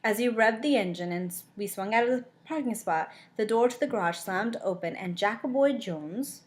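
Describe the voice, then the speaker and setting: A woman's voice: medium pitch, animated, moderate pace. A woman reading a novel chapter aloud, often breaking off to comment and joke about the story. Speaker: audiobook reader.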